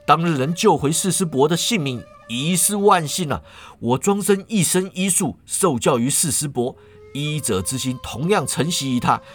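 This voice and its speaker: A man's voice: a little high, expressive, moderate pace, faint music behind. A man voicing an earnest young martial-artist healer who protests his innocence, pleading and flustered. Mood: defensive.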